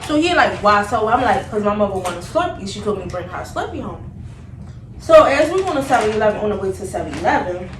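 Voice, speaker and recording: Speaking quickly at a medium pitch, a young vlogger retells a story in casual chat, animatedly performing the quoted dialogue. A distant microphone picks her up in a noisy, roomy setting.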